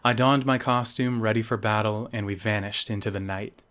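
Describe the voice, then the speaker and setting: A man with a fairly low voice reads his own novel aloud in a measured, storytelling manner. His narration is steady and scripted, carrying a dark coming-of-age tale. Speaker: novelist reading his book.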